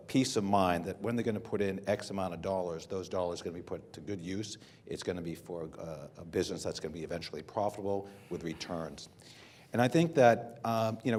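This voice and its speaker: Deep-voiced American man on a panel. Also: darkish tone. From United States. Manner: unscripted, measured, with frequent fillers and restarts. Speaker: panel speaker. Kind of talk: conference panel talk. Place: hotel conference room.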